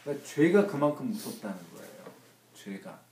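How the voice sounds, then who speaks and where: Male Bible study leader with an emphatic, questioning delivery and a warm timbre, recorded in a roomy space with faint noise. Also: medium pitch, very animated, a little fast, creaky, distant mic. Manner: emphatic, asks the group rhetorical questions. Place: church room.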